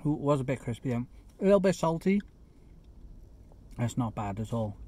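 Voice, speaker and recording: A man in his parked car chats casually about a chicken burger he is eating, now and then talking through a mouthful. His voice sits at an ordinary middle pitch. He breaks off for quick, self-mocking asides. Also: big pitch swings, warm tone. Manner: chatty, eats while talking, self-deprecating asides. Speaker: food reviewer. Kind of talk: casual food review vlog. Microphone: phone camera.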